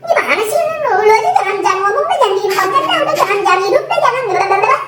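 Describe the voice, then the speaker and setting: A man putting on a shrill, sneering heckler who rants mockingly at a content creator, in an echoey room. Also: expressive, rapid-fire. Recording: echoey room, loud background noise.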